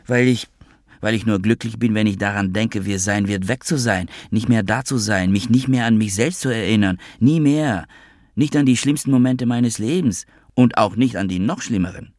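A man voicing a troubled, world-weary young woman in an audiobook, speaking softly and subdued. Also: on the low side, normal speed, dry recording, clean studio sound, lightly acted. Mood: bitter.

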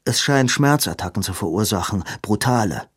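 A man's voice: lowish voice, expressive, moderate pace, husky, no echo. A resentful young man as a man reads him aloud, tense and hissing, pushing his plea in a storybook reading. The voice is raised above the narration and the sound is dry and close. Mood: urgent, bitter. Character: urgent, bitter young man asking for help.

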